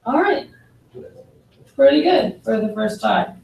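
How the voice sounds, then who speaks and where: A woman's voice: sits high, animated, takes it slowly, creaky, a little mellow, a little hiss or hum. A woman from the United States with a Southern accent, teaching a French lesson to a classroom and having students repeat words. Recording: echoey classroom from far off.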